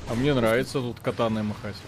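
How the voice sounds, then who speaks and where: A man co-hosting a live gaming stream, chatty and excitable, rambling with fillers as he talks. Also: medium pitch, fast, background noise. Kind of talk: casual live stream chat.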